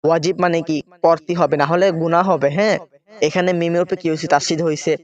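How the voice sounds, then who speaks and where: A man's voice: fairly high pitch, steady tone, quick pace, highs cut off. A man teaching Quran reading step by step, spelling out letters and vowel marks and often checking in with his listeners.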